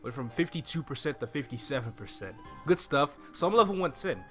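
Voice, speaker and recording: A young adult gaming video host gives an easygoing, casual video game walkthrough, thinking aloud into a desk microphone close to his mouth with game music behind him. His mid-range voice is sing-song, a little fast and fairly bright.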